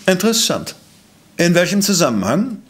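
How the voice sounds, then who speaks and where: An actor playing a coolly precise professor-detective in a radio play, questioning in a formal, probing way. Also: male voice, high-pitched, sing-song, moderate pace. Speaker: voice actor in audio drama.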